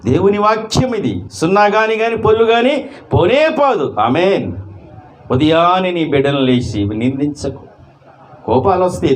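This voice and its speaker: A male pastor preaching a sermon, with many rhetorical questions and swings between loud emphasis and quiet asides. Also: fairly high pitch, a little hiss or hum.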